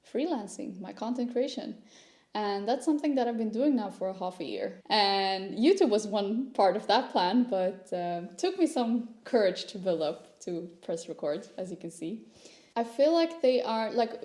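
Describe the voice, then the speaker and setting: A young Swedish woman, a content creator whose first language is Swedish, speaks English in a relaxed, mellow, medium-pitched voice. She tells personal stories in a chatty, candid vlog style, and the room gives her words a noticeable echo.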